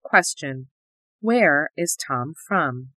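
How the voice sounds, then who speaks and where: A woman reading an English listening test in a slow, carefully enunciated way. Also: low voice, expressive, bright, forceful tone, no echo. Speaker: test audio reader.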